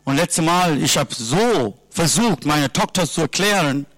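A man preaching a sermon in simple, halting sentences, earnestly asking his listeners question after question. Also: fairly high pitch, lively intonation, fairly bright tone, no room sound. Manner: earnest, asks repeated rhetorical questions. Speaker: lay preacher.

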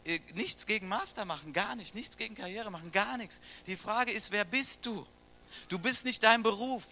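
A middle-aged German pastor with a high, pushed, bright voice preaches at a moderate pace. His sermon is conversational, and he often turns to the congregation with questions.

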